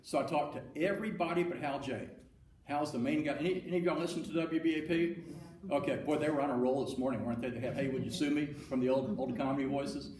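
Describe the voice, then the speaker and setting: A man's voice: on the high side, fast talker, a little mellow. A man speaking at a seminar, telling a folksy anecdote and acting out the dialogue. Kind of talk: storytelling talk to an audience. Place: meeting room with audience. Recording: roomy room, speaker far from mic, faint noise.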